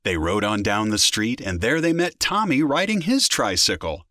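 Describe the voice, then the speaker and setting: A man reads a children's storybook aloud with animated, expressive delivery. His voice is bright and a little high, and its pitch moves a great deal. The sound is dry and close. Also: moderate pace, dry recording.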